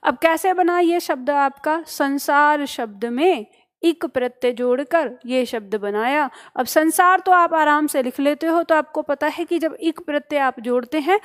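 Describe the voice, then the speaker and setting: A woman's voice: high voice, measured pace. A woman teaching a spelling lesson to exam students, explaining step by step and often checking that they follow. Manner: asks questions and answers them herself. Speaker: Hindi teacher.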